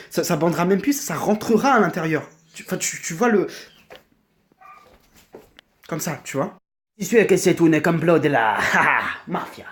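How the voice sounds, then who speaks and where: Animated, crude-talking male vlogger. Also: on the high side. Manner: crude, animated, stammering rant. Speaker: comedy vlogger. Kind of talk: comic rant to camera.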